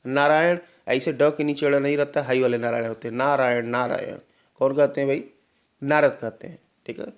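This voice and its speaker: A young man coaches students through an exam-prep lesson in a patient, explanatory way. His voice sits at an ordinary middle pitch. He talks to them directly and keeps checking that they follow, now and then calling them "brother". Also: steady tone, a little fast, clean tone. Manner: explains patiently, often repeats "ठीक है" to check understanding.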